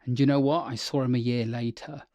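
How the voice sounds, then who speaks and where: A man's voice: medium pitch, fairly even intonation, brisk, darkish tone, no room sound, lo-fi sound. A man teaching a singing lesson as a vocal coach, upbeat and chatty, checking in with the listener often.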